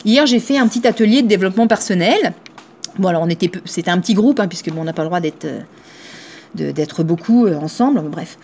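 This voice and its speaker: A woman's voice: fairly low pitch, lively intonation, fast, a little mellow, a little hiss or hum. A woman in her thirties, a shop owner, talking casually to camera in a chatty, teasing way and acting out the voices she quotes. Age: 30s.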